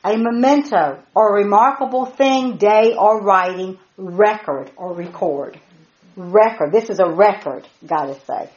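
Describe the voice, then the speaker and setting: A woman's voice: medium pitch, darkish tone. Woman teaching scripture in an echoey room. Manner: emphatic, repeats key words with slow stress. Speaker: Bible study teacher. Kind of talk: Bible teaching to a small group. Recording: roomy, dull lo-fi recording.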